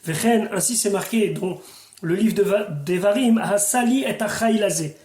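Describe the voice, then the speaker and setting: A man's voice: sits high, normal speed, a little mellow, roomy sound. A man, a rabbi, teaching the weekly Torah portion verse by verse, reading Hebrew phrases and then translating and explaining them.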